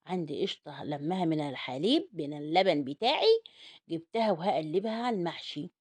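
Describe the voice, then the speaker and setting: A woman with an Egyptian accent, a home cook taking food orders, chatting through a casual cooking vlog. She talks straight to her viewers and turns loud and indignant over food prices. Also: sits low, animated, a little fast, husky. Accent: Egyptian Arabic.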